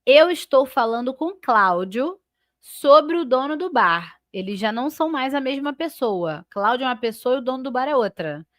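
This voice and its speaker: Using a high, animated voice at a moderate pace, a Brazilian Portuguese-accented woman leads a live online grammar lesson. She works step by step, frequently checks on her students, and draws out key words as she names each sentence part, all in studio-quality audio with no room sound.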